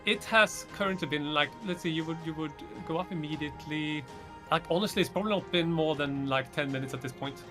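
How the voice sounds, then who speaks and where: A man's voice: fairly high pitch, fairly quick, over music. A man improvising narration as game master, hesitant and often searching for words.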